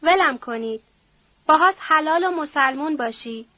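Give me a woman playing a coarse, taunting servant, with a high voice and a dry sound. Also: expressive, dry recording, highs cut off. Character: rough male servant with a whip, mocking.

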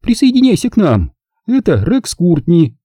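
A man voicing a loud, gushing, imperious socialite woman in an audiobook. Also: high-pitched, huge pitch swings, normal speed, no room sound, clean studio sound, voice pushed up, exaggerated voice. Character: glamorous flirtatious woman, thrice-married socialite hostess.

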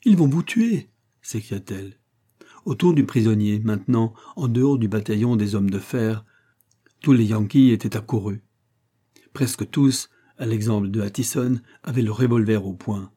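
Low dark husky male narrator. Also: moderate pace. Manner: expressive, dramatic rises and falls. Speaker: audiobook narrator. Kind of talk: dramatic audiobook narration.

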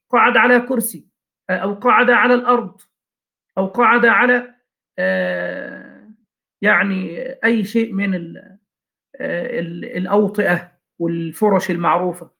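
High-voiced man teaching Islamic law. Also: pushed and bright. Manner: reads a line of the text, then explains it with questions and examples. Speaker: teacher of Shafi'i jurisprudence. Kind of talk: classroom lecture explaining a legal text.

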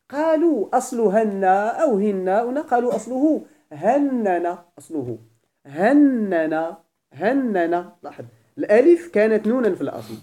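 Moroccan teacher, lively, checking understanding. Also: male voice, high voice. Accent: Moroccan Arabic. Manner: explains step by step, repeats points and checks understanding. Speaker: Arabic grammar teacher. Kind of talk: classroom grammar lesson.

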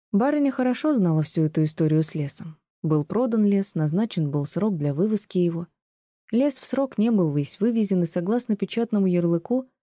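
A woman reading classic prose aloud as an audiobook, in even, measured storytelling. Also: on the low side, no room sound, studio quality. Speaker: narrator.

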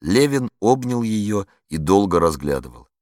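A man narrating literary prose in a measured, dry, ironic audiobook reading. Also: lowish voice, big pitch swings, darkish tone, no echo.

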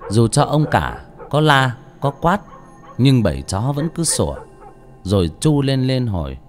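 A man's voice: mid-range voice, sing-song, unhurried, soft background music. A man narrating a ghost story in a dramatic, suspenseful way. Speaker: audiobook narrator.

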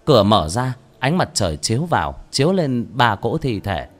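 A man narrating a fantasy novel as an audiobook, in steady storytelling that rises on action. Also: medium pitch, moderate pace, soft background music.

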